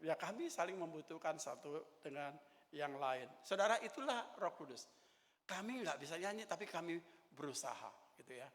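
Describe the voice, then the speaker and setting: Older guy preaching, jokey storyteller, high bright voice, echoey church hall. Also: moderate pace. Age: 60s. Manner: animated, joking storyteller with laughter. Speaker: pastor. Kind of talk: sermon.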